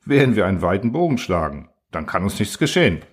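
A man's voice: deep voice, big pitch swings, quick pace, husky, heavily acted. A man reading the part of a council of old male elders, speaking in a raised, outraged, accusing way. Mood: smug.

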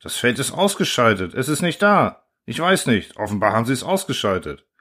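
A man's voice: medium pitch, sing-song, a little fast, fairly bright tone, pitched above the performer's own voice. A man voicing a shaken male expedition officer reporting over the radio, breathless and agitated.

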